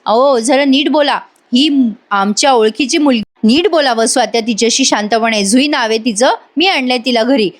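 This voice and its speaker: A woman's voice: fairly high pitch, normal speed, hardly any pauses, lightly acted. A woman doing a protective, earnest young wife. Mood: indignant. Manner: earnest, firm when defending.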